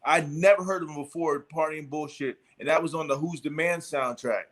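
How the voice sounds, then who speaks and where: A middle-aged man with a somewhat high voice chats casually as a host. He tells his story in a rambling way, full of fillers and restarts. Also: fairly quick, fairly bright tone. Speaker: podcast host. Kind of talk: casual chat.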